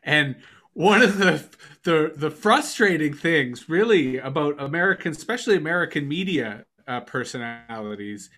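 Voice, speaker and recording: Brief: man, bright, forward voice, somewhat high, curious interviewer. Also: lively intonation, normal speed. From Canada. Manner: engaged, curious questioner. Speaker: podcast co-host. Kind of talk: casual interview conversation.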